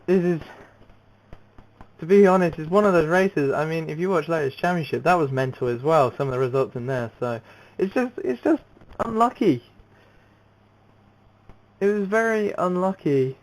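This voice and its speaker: A young man commentating on an amateur racing league, excitable and rambling, with many fillers and restarts. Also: a little high, moderate pace, pauses often, poor audio. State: out of breath. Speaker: race commentator.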